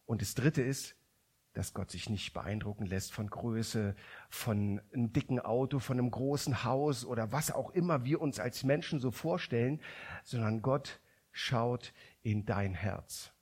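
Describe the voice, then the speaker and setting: Husky-voiced male preacher. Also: medium pitch, unhurried, a little mellow. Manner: conversational storytelling, many restarts. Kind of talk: sermon.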